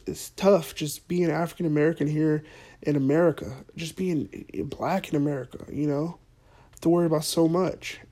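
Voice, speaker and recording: A man's voice: on the high side, a little mellow. A man hosting a podcast, delivering a profane, mock-earnest comedic rant. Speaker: podcast host.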